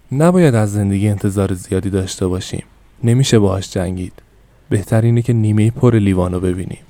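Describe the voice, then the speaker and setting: A man voicing a gentle, persuasive young shopkeeper in an audiobook, soothing and coaxing as he sells. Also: fairly low pitch, dry recording, lightly acted. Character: gentle persuasive young male shop salesman.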